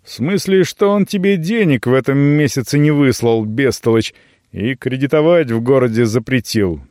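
A man putting on a hot-headed young man who talks roughly and scolds without ceremony. The voice swings widely in pitch. It sits close in a dry, dead room. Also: animated, normal speed, a little mellow, no echo, close to an everyday voice. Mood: scolding. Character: hot-tempered young man, blunt and gruff.

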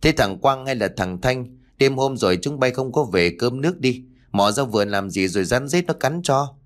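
A man voicing a worried middle-aged mother in an audio story, calling out and anxious, a bit higher than his own voice. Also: expressive, normal speed, natural voice. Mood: calling, puzzled.

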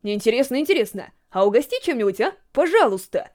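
A woman's voice: sits high, very animated, fairly quick. A woman reading aloud, voicing a casual, pushy teenage boy classmate. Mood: wheedling.

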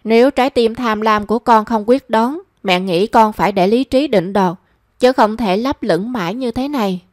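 A woman's voice: a little high, normal speed, a little mellow, no echo, studio quality, close to an everyday voice. Stern scolding mother, read by a woman. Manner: scolding, probing. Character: stern middle-aged mother, scolding her son.

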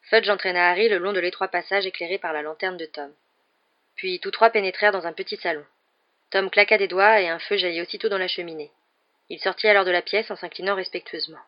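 Low-voiced woman reading a story. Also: steady tone, fast talker, dull audio. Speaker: audiobook narrator. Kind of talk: scripted narration.

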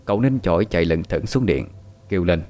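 Lower-voiced calm male storyteller. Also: fast talker. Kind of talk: scripted narration.

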